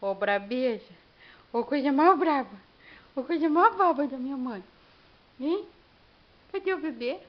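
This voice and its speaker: A woman's voice: high voice, lively intonation, a little slow, long pauses. A young Brazilian mother talks to her baby in coaxing, sing-song baby talk and keeps repeating short phrases. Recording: dull lo-fi home recording.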